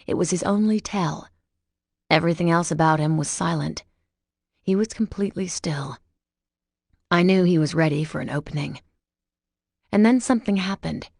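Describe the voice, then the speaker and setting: A woman reading a first-person romance audiobook in a steady, measured way. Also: on the low side, gravelly, dry recording, clean studio sound. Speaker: audiobook narrator.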